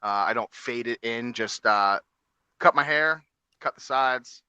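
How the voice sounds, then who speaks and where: Bright-voiced rambling man. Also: mid-range voice, unhurried, clear, resonant tone, dry recording, muffled recording. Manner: rambling storyteller, many fillers and restarts. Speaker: podcast co-host. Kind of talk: casual chat.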